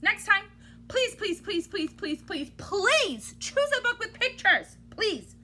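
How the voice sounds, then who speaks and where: A very high-pitched, sharp-toned woman in her thirties takes her time reading a picture book to children, her pitch swinging widely. Like a teacher, she hams it up theatrically and acts playfully exasperated. The home recording, made in a small indoor room, has noticeable background noise.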